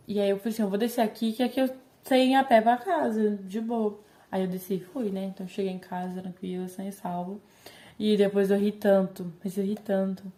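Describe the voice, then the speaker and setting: A woman's voice: mid-range voice, fairly even intonation, brisk, dark tone. A teenage girl with a Brazilian Portuguese accent, chatting to her viewers and retelling a story with lots of quoted dialogue. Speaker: vlogger. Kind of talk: casual storytelling to camera.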